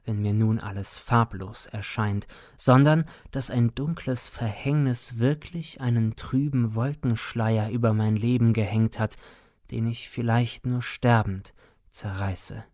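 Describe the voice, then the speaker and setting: Slow solemn male storyteller. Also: medium pitch, darkish tone, no echo, studio quality. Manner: measured, solemn, dramatic. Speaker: audiobook reader. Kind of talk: scripted narration of a classic tale.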